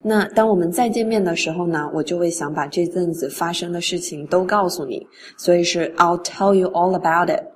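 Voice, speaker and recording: A woman teaching English pronunciation in a relaxed spoken lesson. She reads English phrases slowly and then explains them in Mandarin. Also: fairly low pitch, a little hiss or hum.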